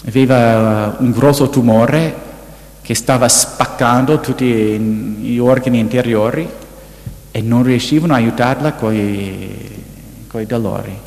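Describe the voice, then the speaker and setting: A man, seemingly a priest, quietly telling a personal story in a sermon, recorded in an echoey hall. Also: medium pitch, fairly even intonation, takes it slowly, gravelly. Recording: echoey hall with long reverb.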